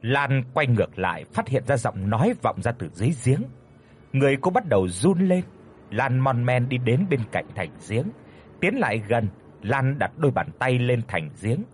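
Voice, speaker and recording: A man narrating a ghost story in an expressive, dramatic way. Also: medium pitch, moderate pace, slight background noise.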